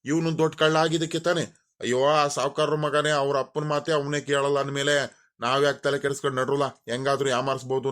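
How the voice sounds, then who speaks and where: A man's voice: medium pitch, fairly bright tone, natural voice. A man voicing a scolding village father. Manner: scolding, grumbling, repeats himself. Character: angry worried father, village landowner, middle-aged man. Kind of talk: cartoon voice acting.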